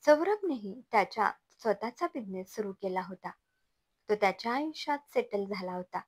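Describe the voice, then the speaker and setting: A woman narrating a romantic story in a gentle, even reading. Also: mid-range voice, moderate pace, dry recording.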